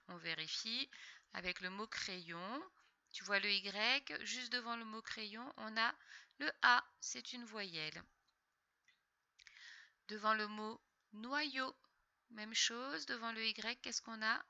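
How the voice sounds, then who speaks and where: A woman teaching young children to read, slowly and patiently sounding out letters and syllables, with a slightly sore throat. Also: mid-range voice, vocal fry, pushed and bright, dry recording. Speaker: primary school teacher. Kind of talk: recorded reading lesson for young children.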